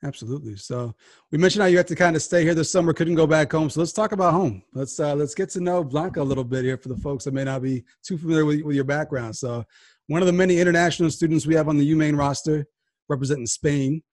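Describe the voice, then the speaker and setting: A man hosting a sports podcast, energetic and hyped, often restarting his sentences. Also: a little high, fast talker, dry recording, studio quality. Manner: energetic, hype host with frequent restarts. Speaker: podcast host.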